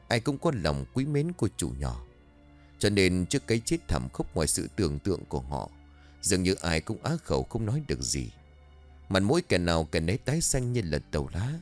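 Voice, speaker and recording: A man narrating a dramatic story in an expressive, animated manner. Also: sits low.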